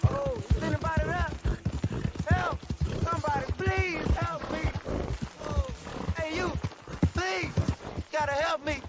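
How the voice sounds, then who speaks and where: A frantic frontier husband begs a stranger for help in a desperate, high voice. His pleas tumble out in a rush. It is a western game scene. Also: moderate pace, very noisy.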